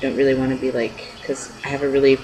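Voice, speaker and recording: Speaking quickly in a completely flat, slightly mellow way, a young adult video blogger from California rambles hesitantly in an unscripted chat to camera. The audio is noisy and low-quality, like an amateur webcam.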